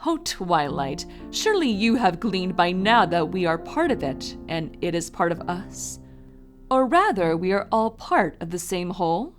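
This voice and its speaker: A woman playing a regal, wise and benevolent pony princess, speaking in measured, gracious, formal phrases for a fan audio drama. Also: fairly low pitch, very animated. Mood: gently instructive. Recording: loud music behind the voice.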